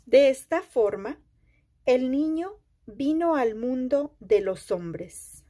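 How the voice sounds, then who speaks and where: Woman doing storytime for kids, really slow, voice on the high side, pauses between phrases. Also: expressive, dark tone. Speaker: storyteller reading a children's picture book. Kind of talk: slow read-aloud storytelling for children.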